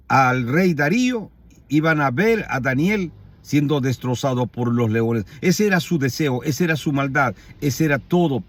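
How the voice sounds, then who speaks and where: A man preaching a sermon, retelling a scripture story with emphatic repetition and rhetorical questions. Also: mid-range voice.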